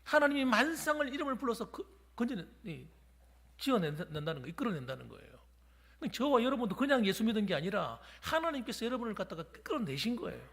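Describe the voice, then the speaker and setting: A man's voice: sits high, big pitch swings, fairly quick, vocal fry, breathy edge, in a large hall. A pastor preaching a sermon in a church, emphatic and urging his congregation. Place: church sanctuary during a weekday service.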